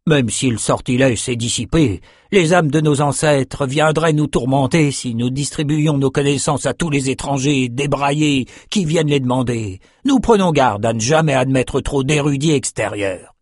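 A man's voice: mid-range voice, normal speed, few pauses, darkish tone, dry recording, studio quality, pitched above the performer's own voice, lightly acted. A male reader voicing a suspicious red-faced shepherd who speaks in a guarded, grumbling way. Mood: wary.

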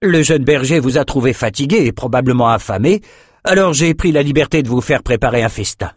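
A man's voice: mid-range voice, lively intonation, a little fast, slightly rough, no echo, clean studio sound, voice pushed up. A man voicing a burly bearded fisherman who is now mayor, confident and hearty. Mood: welcoming.

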